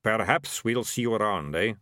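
Man voicing a threatening rat catcher, oily politeness, loud, beery, dry close sound. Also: on the low side, normal speed, dry recording. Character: menacing beery male rat catcher, adult.

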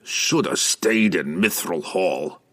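A man voicing a gruff, grumbling dwarf warrior in an audiobook, growling in a rough dialect. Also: low-pitched, animated, takes it slowly, a bit bright, full character voice.

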